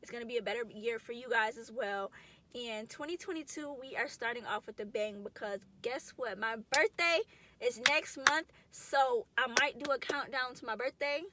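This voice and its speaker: Bright, chatty young woman vlogging. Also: a little high, moderate pace, slight background noise. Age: 20s. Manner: chatty, emotional, slangy. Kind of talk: casual vlog chat to camera. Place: in a car.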